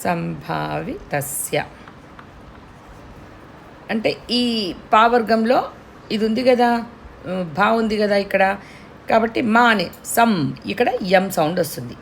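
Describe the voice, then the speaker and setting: A woman teaching pronunciation, drawing out syllables slowly to demonstrate them. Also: on the high side, a little hiss or hum. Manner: slow demonstrative enunciation of syllables. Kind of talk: pronunciation lesson.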